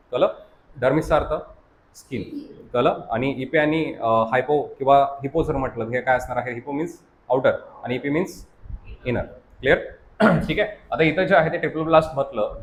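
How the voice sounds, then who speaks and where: A man's voice: medium pitch, slight background noise. A male science teacher with a Marathi accent, lecturing a class and constantly checking that students understand, mixing English terms into his explanations. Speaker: science teacher at a coaching academy.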